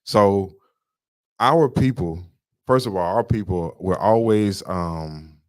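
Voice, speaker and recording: This podcast co-host has a low-pitched voice and takes his time, captured in studio quality without any echo. He lectures with emphasis during casual political talk, circling back to the same points again and again.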